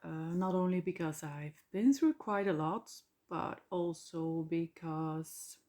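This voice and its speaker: Flemish woman, 40s, slow rambly solo podcast talk in english, lots of ums and self-corrections. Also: lowish voice, a little mellow. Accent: Flemish Dutch. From Belgium, Flemish part. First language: Dutch. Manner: rambling, self-correcting, with fillers and small laughs. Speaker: podcast host. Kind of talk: casual solo podcast monologue.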